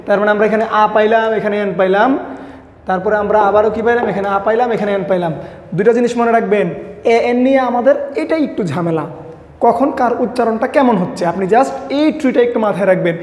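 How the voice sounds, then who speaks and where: A man's voice: high voice, a little mellow. A man, teaching an English grammar lesson and quizzing his listeners with repeated questions. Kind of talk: classroom lesson. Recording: echoey room with long reverb.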